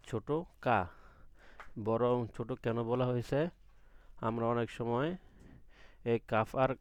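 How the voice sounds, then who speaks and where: A man's voice: on the low side, smooth, no echo. A man teaching an online Quran class, patiently asking questions and drawing out letter sounds from the throat. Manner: patient, asks the class questions and answers them himself.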